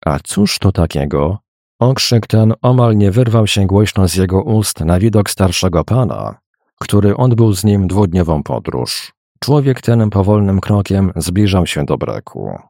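Deep, gravelly male audiobook narrator. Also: expressive, a little slow, dark tone, no echo, studio quality. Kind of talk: scripted narration.

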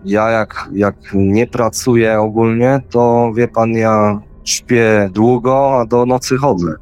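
A man's voice: fairly low pitch, steady tone, takes it slowly, a little mellow, smooth. A man telling a personal experience in casual, rambling speech, acting out his own quoted words as he goes. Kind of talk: casual spoken storytelling.

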